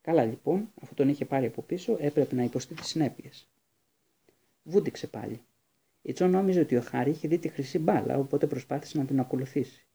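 Guy reading a novel out loud, husky dark voice, steady storybook pace. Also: medium pitch. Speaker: audiobook narrator.

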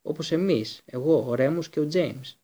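A man's voice: a little high, mellow, natural voice. A man voicing a bitter escaped male prisoner in an audiobook reading, fierce and accusing in delivery. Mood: contemptuous.

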